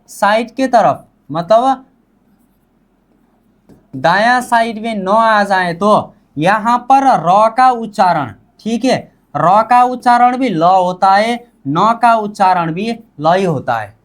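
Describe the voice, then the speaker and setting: Woman teacher going through a lesson nice and slow, voice sits a bit high, keeps asking "what?" and repeating the answer. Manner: repeats questions and drills answers back. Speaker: language teacher. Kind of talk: classroom-style lesson.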